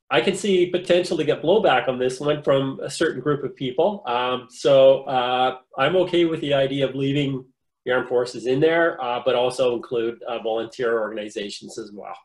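A man on a council video call, giving his view in a measured way with hesitant restarts. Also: medium pitch. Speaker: council member. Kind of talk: meeting discussion.

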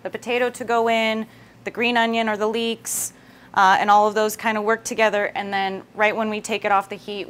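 Talking conversationally through every step, a cooking show host in her thirties leads a relaxed live demo in a slightly bright, mid-range voice. The set is an indoor kitchen with a wooden worktop, and noisy kitchen room sound fills the recording.

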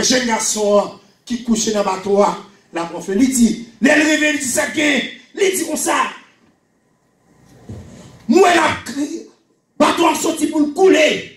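A high-pitched middle-aged man with a Haitian Creole accent preaches in a small church, often shouting and repeating phrases for emphasis. His handheld microphone is picked up from a distance, so the voice sits back in the room. The church space adds a noticeable echo. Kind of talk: sermon. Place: small church hall with pulpit.

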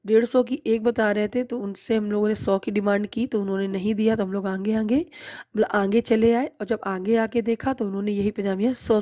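Mellow and medium in pitch, a woman in her thirties narrates her shopping vlog with a casual, chatty voice-over that explains prices and bargaining. The recording is dry, with clean studio sound.

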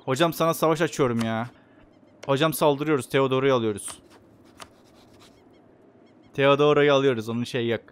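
A man giving casual let's play commentary on a strategy game, excitable and talking back to the game. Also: medium pitch, moderate pace, long pauses, clear, resonant tone. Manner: excitable, talks back to the game and swears at opponents. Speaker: video game player and commentator.

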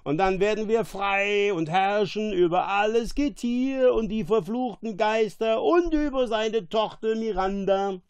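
A man's voice: high-pitched, unhurried, hardly any pauses, darkish tone, clear, resonant tone, no echo, voice pushed up. A man doing Caliban, a drunken groveling monster. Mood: bloodthirsty. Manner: bellowing and fawning. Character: groveling drunken male island monster, brutish.

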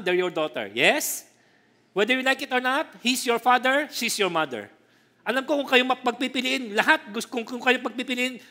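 A middle-aged Filipino man preaching a lively sermon in Tagalog and English, joking with the congregation and calling for amens. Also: high voice. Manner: lively, jokes with the congregation, calls for "Amen". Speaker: pastor.

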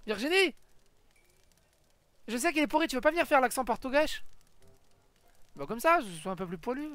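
A young woman streaming a video game, giving excitable commentary and crying out at her wins. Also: high-pitched, normal speed, no room sound. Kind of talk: live gameplay commentary.

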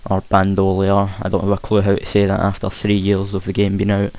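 A young man with a broad Scottish accent gives casual, hesitant gameplay commentary, trying to speak clearly, on a hissy home recording. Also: sits low, completely flat delivery, quick pace, warm tone. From Scotland. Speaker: gaming commentator. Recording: hissy home mic with faint noise. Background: game gunfire.

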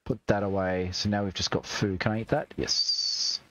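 A man's voice: lowish voice, level tone, moderate pace, bright, forceful tone. A young Australian man streaming a video game, chatting, joking and swearing as he plays. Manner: chatty, swears and jokes while playing. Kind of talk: gaming livestream commentary.

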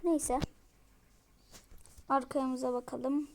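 A woman giving casual let's-play commentary to her viewers, easily frustrated and breaking into loud exclamations. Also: high voice, flat delivery, extremely slow, vocal fry. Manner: talks straight to her viewers. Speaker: gaming streamer.

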